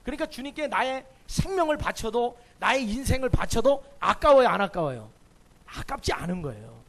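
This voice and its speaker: A male pastor delivering an emphatic sermon in a church. His voice sits high for a man and swings widely in pitch as he puts rhetorical questions to the congregation. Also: sing-song, normal speed, gravelly.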